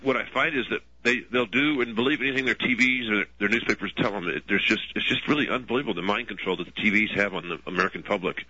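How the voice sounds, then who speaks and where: A man's voice: fairly low pitch, fast, few pauses, bright, forceful tone, dry recording. A man from Texas calling in to a radio show over the phone, earnest and eager. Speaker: caller. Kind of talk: call-in radio chat. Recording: dry muffled phone line.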